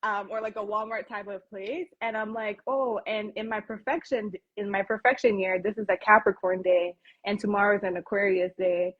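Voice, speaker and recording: A woman hosting a casual livestream chat over a video call, animated and slangy, laughing often. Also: medium pitch, normal speed, few pauses, narrow, tinny audio. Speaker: host.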